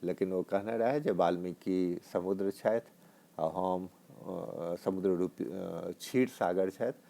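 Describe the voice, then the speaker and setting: A man delivers an exam-preparation lecture in a somewhat low voice. He reads steadily in a measured, list-like way and sometimes restarts a word. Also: warm tone. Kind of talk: read-aloud exam lecture.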